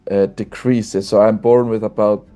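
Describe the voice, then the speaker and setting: A man in his twenties from Iceland, a podcast guest talking openly and warmly over a video call, often restarting his sentences. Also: lowish voice, flat delivery, moderate pace, faint music behind. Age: 20s. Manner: friendly, open, with frequent restarts. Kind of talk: casual conversational interview.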